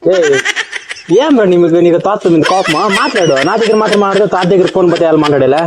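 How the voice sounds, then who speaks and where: A man's voice: high voice, fast, noisy background. A man on a casual family phone call, coaxing the other person to speak up and say where they are.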